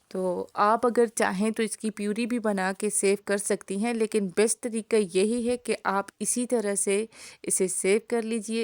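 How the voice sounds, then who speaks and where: With a clean, medium-pitched tone, a cooking channel host who has a sore throat explains each step of her home kitchen tutorial, speaking to her viewers in a friendly way. The voice-over was recorded separately, studio quality and free of echo.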